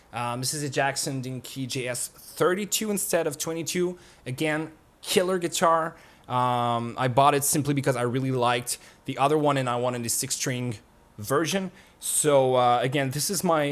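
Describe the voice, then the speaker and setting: Sitting in his home studio, a young man talks straight to camera at an ordinary pitch, off the cuff with his viewers. The YouTuber's manner is easygoing and meandering, with the occasional curse thrown in.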